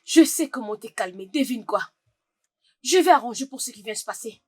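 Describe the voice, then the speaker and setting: A woman voices a sly young friend in a dubbed film who teases and mocks. Her voice sits high, and the sound is close and dry. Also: lively intonation, normal speed, slightly rough, no echo. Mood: mocking. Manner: teasing, mocking.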